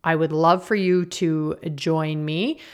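Female podcast host, low register, chatty and informal, speaking at a desk mic in a small basement office. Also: fairly even intonation, takes it slowly, clean tone. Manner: chatty, informal, laughs easily. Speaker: podcast host and energy healer. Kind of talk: casual podcast chat. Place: small basement office indoors, slightly echoey. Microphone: podcast microphone at a desk.

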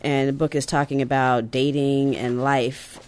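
A guest on a radio talk show who speaks in a relaxed, conversational way while promoting an event. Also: medium pitch, normal speed, smooth. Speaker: guest from a senior advocacy group. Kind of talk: casual radio interview.

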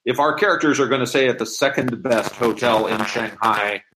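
A man with a medium-pitched voice speaks at a moderate pace over background noise. He's an audio drama producer appearing as an interview guest, explaining things in a casual, conversational way.

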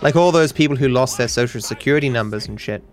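A man streaming, rambling quickly and casually with self-deprecating asides. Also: mid-range voice, faint music behind.

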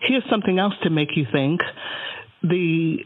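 Dry, teasing woman host on a phone line. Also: fairly low pitch. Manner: dry, teasing, deliberate listing. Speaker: podcast host. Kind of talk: casual phone chat.

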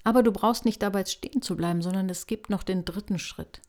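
A woman hosting a self-help podcast, talking calmly and gently to the listener in a reflective, coaching manner. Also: medium pitch, brisk. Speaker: podcast host.

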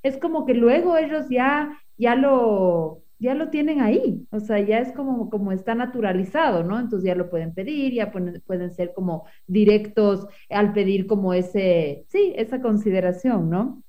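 A woman's voice: medium pitch, lively intonation, normal speed, few pauses, dull audio. A woman chatting as a co-host, agreeing and telling a family anecdote with hesitant restarts. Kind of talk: casual chat.

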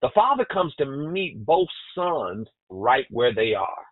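A man's voice: medium pitch, big pitch swings, takes it slowly, no echo. Man preaching a sermon over a tinny line. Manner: preaching with stammered repetitions and call-outs to the congregation. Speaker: pastor. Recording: tinny phone-like sound.

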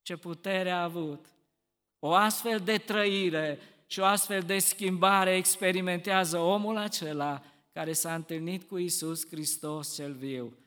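A man preaching with fervour, his high, bright voice carrying through the long reverb of a church hall. He drops to hushed, slowed phrases and then rises to loud, emphatic declarations. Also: fairly even intonation. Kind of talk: sermon.

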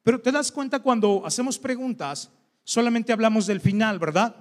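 A pastor delivers a sermon in a conversational, back-and-forth style, tossing questions to his congregation at a moderate pace. His voice is high for a man and rings out with a long church-hall echo.

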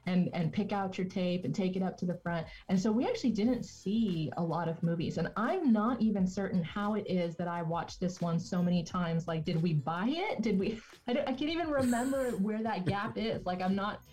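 A woman's voice: mid-range voice, normal speed, hardly any pauses, darkish tone. A woman talking as a podcast guest in casual conversation, chatty and laughing as she tells stories. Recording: dull lo-fi podcast audio.

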